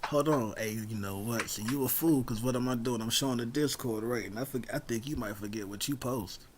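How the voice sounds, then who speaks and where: Here a man hosts a livestream, talking casually and conversationally with plenty of slang and shout-outs. His voice sits at medium pitch and runs a little fast, with a touch of hiss or hum in the recording.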